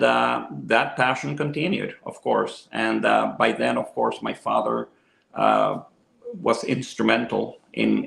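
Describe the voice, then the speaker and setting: This Venezuelan man in his fifties has a medium-pitched, slightly bright voice with vocal fry. As an interview guest who sells audio equipment, he tells stories eagerly and talks at length about music and gear in a relaxed conversation. The room sounds echoey.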